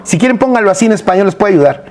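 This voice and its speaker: A man preaching a sermon in an animated, emphatic way, full of rhetorical questions. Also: high-pitched, very fast.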